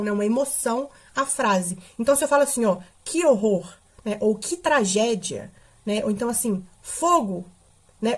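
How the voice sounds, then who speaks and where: A woman's voice: a little high, a little mellow. A woman teacher, explaining a grammar lesson step by step and often adding checking questions. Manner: explanatory, with frequent tag questions.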